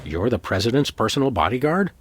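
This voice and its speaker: An actor playing an earnest, wry male dog detective in a comic cartoon game, with a deadpan manner. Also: medium pitch, quick pace, soft background music, lightly acted.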